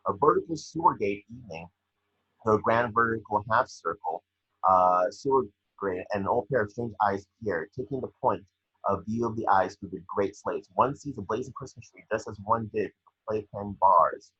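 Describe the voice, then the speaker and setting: A man with a raspy, low voice reads the scene descriptions at an online table read, his delivery pushed and bright as he stumbles over the script. The room echoes and the microphone sounds slightly dull.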